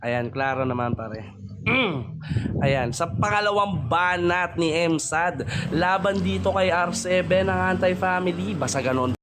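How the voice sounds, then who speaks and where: A man's voice: high voice, unhurried, noisy background. A man hosting an online rap battle, laid-back and casually profane. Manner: laid-back, profane, calls everyone pare. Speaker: battle host and MC. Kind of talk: casual hosting over voice chat.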